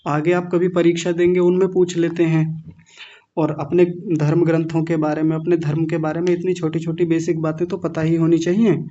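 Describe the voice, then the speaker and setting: A man teaches an online class, spelling words out slowly and carefully and repeating each one. His voice sits a little high for a man. The sound is somewhat muffled. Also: warm tone. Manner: slow, careful pronunciation drill.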